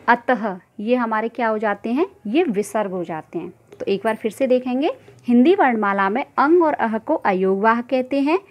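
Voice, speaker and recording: A woman giving an online grammar lesson, asking questions and answering them herself, and drawing out sounds to demonstrate them. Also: on the high side. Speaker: Hindi grammar teacher.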